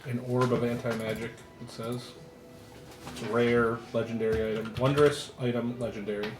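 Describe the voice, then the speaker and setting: A man's voice: mid-range voice, flat delivery, normal speed. A man at a tabletop game, casually sharing and reading out game details. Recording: echoey room, music behind.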